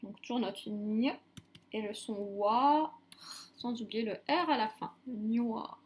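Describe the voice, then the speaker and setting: Lady teacher doing a phonics lesson for little kids, slowish and kinda high, says every syllable twice. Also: darkish tone. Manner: slow, clear dictation, repeating each syllable. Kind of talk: phonics lesson for young children.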